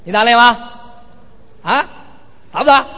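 A brash, teasing ring master from a storyteller's tale, put on by a man, his very high voice leaping about as he goads the crowd. The sound is dull and lo-fi, with a long hall reverb trailing behind. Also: expressive, measured pace, pushed and bright, heavily acted. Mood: taunting. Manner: teasing, mocking, repetitive challenges. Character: brash male martial arts ring master, taunting crowd.

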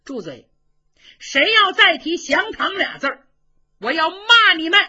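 A woman storyteller voicing a proud, stubborn captive male general who shouts his defiance, on a dull lo-fi recording. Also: on the high side, big pitch swings, a little slow, exaggerated voice. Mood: defiant, furious. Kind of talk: traditional storytelling.

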